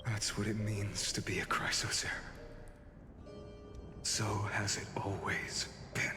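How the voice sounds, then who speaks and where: A man's voice: lowish voice, fairly even intonation, slow. An actor playing a solemn, dramatic male warrior in a fantasy video game. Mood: grave. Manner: grave, dramatic. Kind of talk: scripted video game dialogue. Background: loud dramatic music.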